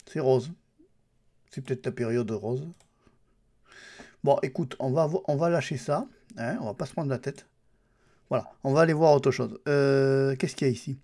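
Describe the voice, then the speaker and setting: His mid-range, warm voice moves at a normal speed with frequent pauses. He's a YouTuber trying out a Linux distribution, casually musing aloud to the viewer as he clicks through settings and apps in a screen recording.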